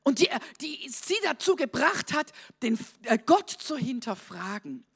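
A woman preaching a charismatic sermon to a congregation, swinging from shouted declarations to quiet conversational asides and asking them questions. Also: high-pitched, sing-song, unhurried, vocal fry, husky. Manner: talks straight to the congregation with questions and amens.

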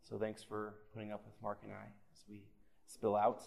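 A man's voice: fairly low pitch, monotone, moderate pace, vocal fry, a little mellow. A man leading an informal Bible study and prayer in short, hesitant phrases, with a digital echo effect on the microphone. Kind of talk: informal class teaching and prayer. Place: class session, live group. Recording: odd echo effect on class recording.

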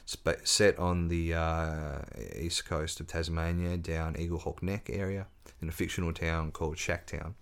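A man with a very low voice, talking as an author guest on a podcast. He tells his stories in a relaxed way, stopping for ums and restarting his sentences as he goes. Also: normal speed, few pauses, clean tone. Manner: storytelling, relaxed, with fillers and restarts. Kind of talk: casual interview chat.

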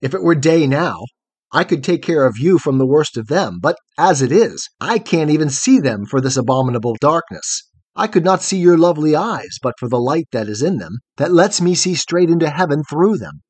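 A man's voice: a little high, expressive, normal speed, husky, no echo. A man playing a weak, frightened young man who pleads anxiously for protection. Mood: fearful.

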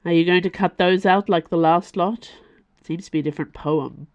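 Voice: mid-range voice, a little fast, natural voice. A storyteller voicing a weary, blunt man who speaks with dry understatement.

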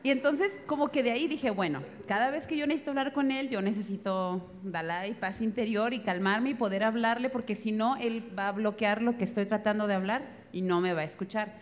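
A woman's voice: medium pitch, a little fast, hardly any pauses. A woman with a northern Mexican accent giving a live talk on marriage, telling stories with a laugh. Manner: lively, laughing storytelling. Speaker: speaker on marriage, wife. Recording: reverberant hall, faint background noise.

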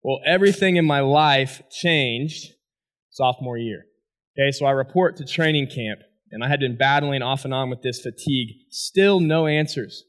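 A man, a former college athlete, giving a personal testimony speech and telling his story with animated energy to an audience. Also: medium pitch, moderate pace. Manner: animated storytelling, asks the crowd "right?".

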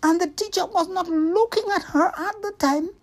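A woman narrating a scripted story for children, with deliberate, expressive delivery. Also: very high-pitched.

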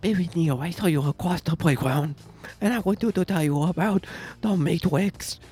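Man putting on a high, husky baby mentor. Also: dark tone, soft background music. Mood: earnest, solemn. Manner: earnest, halting, formal explanations. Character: earnest baby mentor, small child in sci-fi parody.

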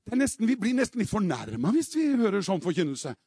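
A man's voice: high voice, sing-song, slightly rough, no room sound, studio quality. A middle-aged man from Norway, preaching a charismatic revival sermon and calling out hallelujahs. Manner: shouting hallelujahs, rising to exclamations.

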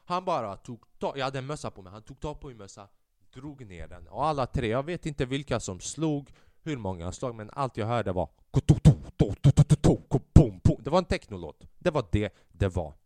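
A young Swedish podcast host tells a story with lots of energy, lurching between loud outbursts and quiet mutters while throwing in English slang and swear words. The casual storytelling is captured in a clean studio with no room sound.

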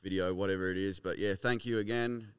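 Deep, smooth-voiced Australian man co-hosting a podcast. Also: fairly even intonation, a little fast. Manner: sweary, matey, slangy. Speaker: podcast co-host. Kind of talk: casual live podcast chat.

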